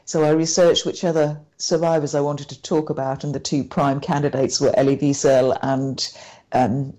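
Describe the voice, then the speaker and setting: A woman with a low, mellow, level-toned voice is a guest in a conversational interview. Recounting events, she speaks haltingly, often stopping and restarting her sentences.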